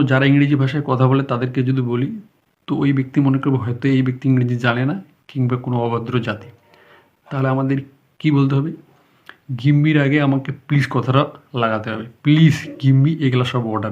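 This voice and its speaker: A man teaching spoken English, speaking slowly and deliberately, often checking that listeners follow, unscripted and sometimes stumbling, with a Bengali accent. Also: medium pitch, steady tone, darkish tone. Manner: slow, deliberate explaining with frequent checks. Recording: slightly dull sound, faint background music.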